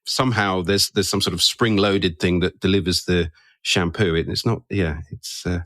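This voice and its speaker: A man's voice: deep voice, fairly even intonation, moderate pace, a bit bright, dry recording, clean studio sound. A man hosting a podcast in casual interview chat, often ending his remarks with tag questions. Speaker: podcast host.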